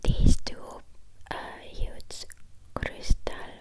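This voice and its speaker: A woman reads a book aloud in a soft ASMR whisper close to the ear, halting now and then over words. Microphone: close ear-to-ear ASMR microphone.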